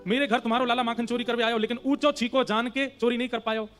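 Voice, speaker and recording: Indignant milkmaid woman voiced by a man, Braj accent, tattling, high-pitched, soft music behind. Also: flat delivery, quick pace. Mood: insistent. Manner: aggrieved, tattling.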